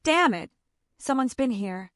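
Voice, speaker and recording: A man's voice: extremely high pitch, lively intonation, unhurried, fairly bright tone, no echo, clean studio sound, heavily acted. A woman reading the lines of a tall, heavy-set male henchman who speaks curtly and curses. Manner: curt, cursing.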